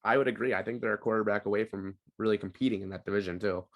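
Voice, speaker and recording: A man's voice: on the low side, fairly even intonation, rapid-fire. A young man co-hosting a podcast, chatting casually about sports with frequent ums and easy laughs. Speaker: podcast co-host.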